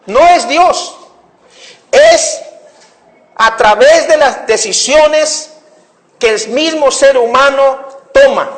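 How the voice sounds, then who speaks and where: A man's voice: very high-pitched, fairly bright tone. A man preaching a sermon to his congregation, repeating his points for emphasis and calling them brothers. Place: church.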